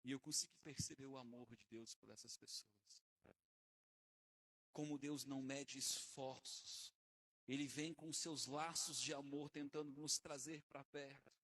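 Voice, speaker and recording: A man preaching a sermon, emphatic, swinging between hushed and loud passages. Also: medium pitch, steady tone, measured pace, poor audio.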